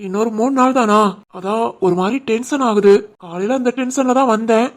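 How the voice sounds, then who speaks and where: A woman voicing a young husband and shopkeeper, teasing but caring, with a Tirunelveli Tamil accent in an animated family story. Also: on the high side, fairly quick, lightly acted. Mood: worried. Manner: teasing banter, turns soft and worried.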